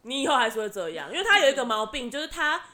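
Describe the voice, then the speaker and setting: A woman's voice: high-pitched, sing-song, very fast, pushed and bright. A young woman co-hosting a casual podcast, teasing her co-host and steering the talk. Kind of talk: casual chat.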